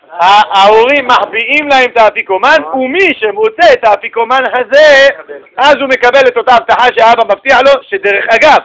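A rabbi giving a lively, humorous religious lesson, telling stories and joking with his listeners. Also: extremely high pitch, poor audio. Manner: animated, joking storyteller addressing the audience.

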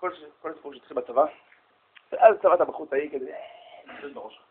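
A man giving a humorous storytelling talk, animated and jokey, speaking straight to his listeners. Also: fairly high pitch, husky. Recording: tinny phone-like sound.

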